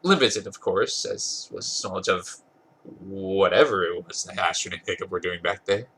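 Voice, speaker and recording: A podcast host reads fan fiction aloud in a low-sitting, husky, congested voice that sounds bright and forceful at a normal speed. His dramatic reading of the comic story is amused, and he occasionally stumbles over words and corrects himself.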